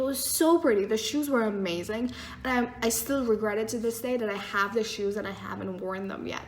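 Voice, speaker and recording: A young woman tells a story in a casual vlog, blunt and animated, swearing freely. Her voice sits high. The room around her adds a noticeable echo. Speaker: vlogger. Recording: echoey room.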